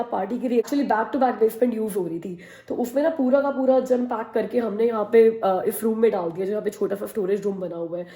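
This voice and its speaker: A woman's voice: medium pitch, mellow. A woman in her thirties with a Hindi accent, chatting casually to her vlog audience and poking fun at herself. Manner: chatty, mixes Hindi and English, self-mocking. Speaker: vlogger.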